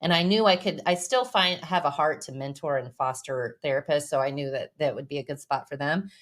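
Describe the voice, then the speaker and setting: A woman in her forties who owns a massage business speaks in a low voice at a fairly quick pace as a podcast guest. In this casual conversational interview she tells stories, laughs often, and acts out her own quotes.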